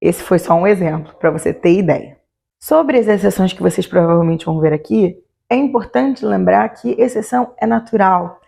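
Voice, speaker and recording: Gravelly woman teaching grammar. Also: mid-range voice, warm tone. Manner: explanatory, slows to spell out example words. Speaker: Italian teacher. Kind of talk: online grammar lesson.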